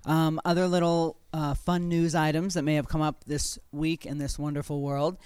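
Smooth-voiced chatty woman co-host. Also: deep voice, flat delivery, normal speed, a little mellow, no echo. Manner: chatty, upbeat, joking. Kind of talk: casual podcast chat.

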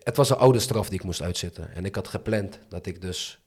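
A man's voice: sits low, brisk, a little mellow, husky. A young man speaking in casual Dutch street slang, chatting candidly as an interview guest. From moved to the Netherlands from abroad as a child.

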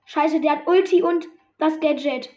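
High-voiced excitable female gamer. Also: normal speed, soft background music. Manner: excitable, reacts loudly to the game. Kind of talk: gameplay commentary.

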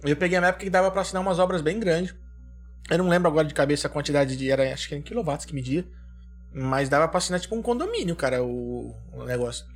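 Fast-talking man telling stories. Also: on the high side. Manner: animated storyteller, swears freely. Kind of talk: casual chat.

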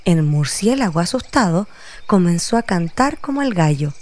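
A woman storyteller reading a children's tale in gentle scripted narration. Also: fairly low pitch, lively intonation, normal speed.

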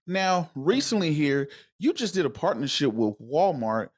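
A man's voice: a little high, big pitch swings, unhurried, husky. A man hosting a casual live interview, talking in an informal, wordy and rambling way. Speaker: interviewer and host.

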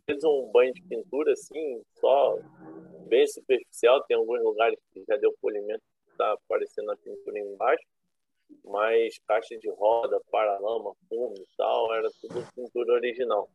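A man's voice: fairly low pitch, little pitch movement, normal speed, creaky, husky. A Brazilian man in his thirties with a Rio accent tells casual, rambling, slangy stories as a guest on a remote call. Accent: Rio de Janeiro Brazilian. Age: 30s. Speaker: guest, classic car owner. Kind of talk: casual storytelling chat. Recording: roomy, thin phone-like internet call.

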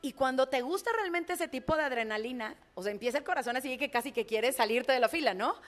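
A woman with a Mexican accent, a public speaker and announcer, telling anecdotes in a lively, colloquial, frank way in conversation. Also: sits high, fast talker. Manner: expressive, imitates heartbeats and screams. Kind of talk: animated storytelling in conversation.

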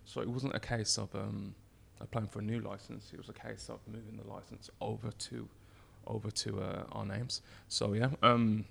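A British man with a croaky, fry-heavy voice left rough by a night of drinking. His tone is fairly low but bright and cutting, and he chats casually, often breaking off and restarting, in an echoey unit with uneven mic distance. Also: level tone, normal speed, few pauses, a little hiss or hum. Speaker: brewer, interview guest. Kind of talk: casual chat. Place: brewery tap room, indoors.

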